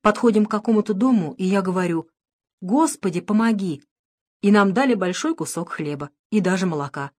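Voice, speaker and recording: A woman's voice: medium pitch, animated, fairly quick, darkish tone, close to an everyday voice. A woman reading the part of a grateful young village boy who tells his story earnestly.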